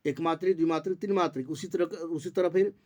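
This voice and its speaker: A man's voice: on the high side, steady tone, a little mellow. A man teaching Sanskrit grammar in an online class, explaining patiently, repeating terms and drawing out vowel sounds to show their length. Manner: draws out vowel sounds slowly to demonstrate length. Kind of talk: online lecture.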